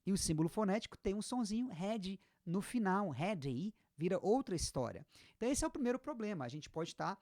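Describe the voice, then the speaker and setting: A woman with a Brazilian accent giving a casual online English lesson, explaining patiently and repeating example words slowly. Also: mid-range voice, big pitch swings, dark tone, dry recording, studio quality. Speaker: English teacher.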